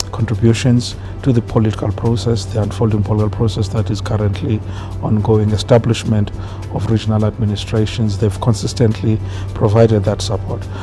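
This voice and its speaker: A man giving unscripted interview remarks as an official, halting and measured, repeating phrases. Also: on the low side. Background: prominent background music.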